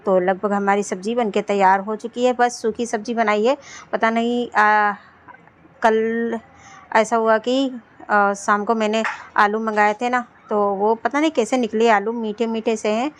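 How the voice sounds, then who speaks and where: A woman's voice: fairly high pitch, fairly even intonation, a little slow, a little hiss or hum. Chatty woman vlogging her chores. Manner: chatty, rambling, with frequent restarts. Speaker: homemaker vlogger. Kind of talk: casual vlog narration of daily chores. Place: at home, indoors and on a rooftop.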